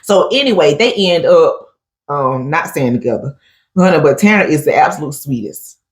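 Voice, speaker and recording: Woman, animated storyteller, keeps saying honey, lively pitch, roomy echo. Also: moderate pace. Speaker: co-host. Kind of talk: casual chat recapping a reality show.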